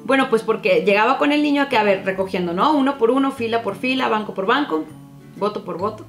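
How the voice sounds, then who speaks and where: A young woman who used to be a teacher offers parents advice in a casual vlog, speaking fast in a highish voice with faint music behind her. She tells stories in an animated way, acting out her dialogue with children.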